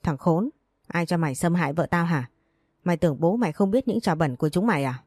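A woman voicing an enraged husband who barks rapid threats, in a read-aloud audiobook story. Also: lowish voice, darkish tone, no echo, lightly acted. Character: enraged husband, a young businessman.

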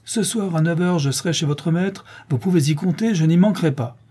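A man reading aloud voices an irritable, gruff gentleman tenant who blusters impatiently. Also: mid-range voice, moderate pace, natural voice. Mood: exasperated.

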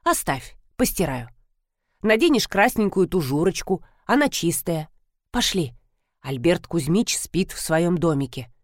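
Lady reading as a fussy mother-in-law, pitch leaping all over, squeaky when excited, dry close sound. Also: unhurried, no room sound. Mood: bustling. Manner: bustling, excitable, rising to high squeals.

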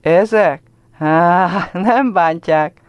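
A woman voicing a shy, warm village boy of about ten who talks in earnest rural dialect. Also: fairly low pitch, no room sound, voice pushed up, natural voice. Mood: tearful.

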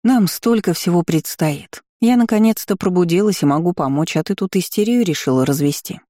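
A woman's voice: lowish voice, brisk, mellow, no room sound, clean studio sound, pitched above the performer's own voice, natural voice. A woman voicing a mocking, lazy and bossy ancient female dragon spirit in an audiobook.

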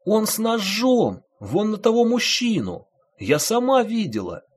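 A man voicing a frightened woman passenger who shouts in alarm, in an audiobook. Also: high-pitched, wildly swooping pitch, unhurried, breathy edge, pitched above the performer's own voice, exaggerated voice. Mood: agitated.

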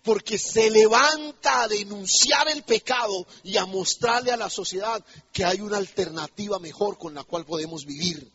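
A male pastor delivers an emphatic sermon, often turning to the congregation with questions. His voice sits high and sounds husky. The recording is dull and lo-fi, as if captured in a church. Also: moderate pace, few pauses, a bit bright.

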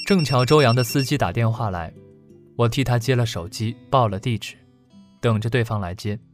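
A man narrates a serialized novel in an even, measured storytelling voice. His pitch sits in the middle, and faint plucked guitar plays beneath him. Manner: steady storytelling delivery. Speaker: audiobook narrator. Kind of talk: scripted narration.

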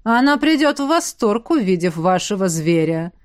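A woman voicing a haughty, jealous young lord with a hoarse, husky voice. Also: medium pitch, normal speed, darkish tone, dry recording, studio quality, close to an everyday voice. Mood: curt.

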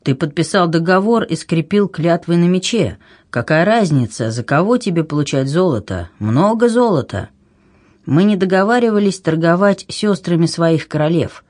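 A reader voicing a gruff slow Viking chieftain. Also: mid-range voice, animated, darkish tone, natural voice. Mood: blunt. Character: stern slow-witted Viking jarl, man.

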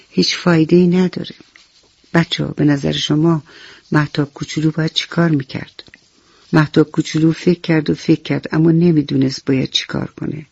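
A woman's voice: low-pitched, vocal fry, a little mellow, breathy edge, no echo. A woman telling a bedtime story to children on the radio, speaking to them directly and affectionately, in a lo-fi recording.

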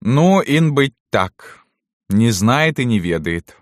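A man's voice: medium pitch, very animated, unhurried, no echo, studio quality, pitched above the performer's own voice. A man voicing a cruel, mocking middle-aged noblewoman landowner who taunts her serfs in a sneering sing-song. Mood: taunting.

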